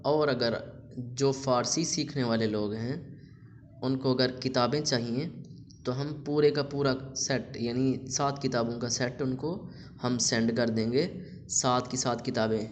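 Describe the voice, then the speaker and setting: A man's voice: medium pitch, fairly even intonation, slight background noise. A man teaching a recorded language lesson, reading vocabulary words aloud with stress and then explaining what each one means.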